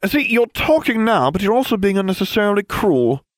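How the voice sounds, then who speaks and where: A man voicing a sarcastic, petulant teenage boy wizard in a storybook reading, in a raised, quick voice. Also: high voice, sing-song, dry recording, clean studio sound, pitched above the performer's own voice. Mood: pleading. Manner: petulant, self-justifying.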